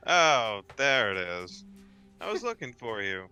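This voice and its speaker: A man plays a tabletop game in a sharp, forceful voice with lively pitch swings. He is casual and drily teasing as he slips in and out of character. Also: measured pace, clear, resonant tone, faint music behind.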